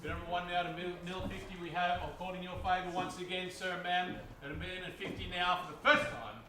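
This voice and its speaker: A man's voice: sits high, flat delivery, fast. An Australian man calling a live property auction as auctioneer, coaxing bidders with chatty patter. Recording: echoey, distant, noisy live recording.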